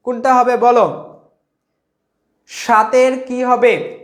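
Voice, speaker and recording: A man's voice: extremely high pitch, steady tone, extremely slow, echoey room. A man from Bangladesh teaching a live online exam-prep class, reading out questions, quizzing viewers and repeating key answers.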